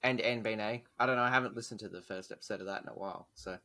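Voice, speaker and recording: Talking very fast in a fairly low, sharp-toned voice, a young man co-hosts a casual podcast. He teases his friend and rambles, using fillers and restarting often.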